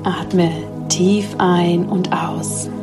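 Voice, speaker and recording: A woman guiding a sleep meditation like a bedtime sleep story narrator, speaking softly and soothingly with long, slow pauses. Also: lowish voice, level tone, music in the background. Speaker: podcast host leading a guided sleep meditation.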